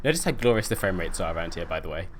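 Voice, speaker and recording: A man hosting a game stream. His pitch swings animatedly as he jokes and laughs, and his teasing banter sits over a faint hiss. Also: animated, rapid-fire. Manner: jokey, laughs often, teasing. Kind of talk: casual chat while streaming a bus simulator.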